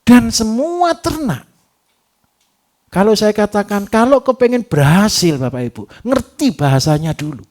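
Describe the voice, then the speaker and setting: A man giving a livestock farming workshop, lively and teasing, who keeps asking his audience rhetorical questions. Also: high voice, a little slow. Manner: animated, repetitive, teasing.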